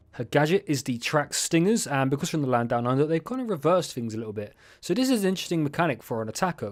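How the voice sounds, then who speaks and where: Young male gaming host, casual voice-over, mid pitch, cheeky asides. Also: a little mellow. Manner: chatty, joking asides, self-mocking. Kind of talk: casual game update rundown over gameplay.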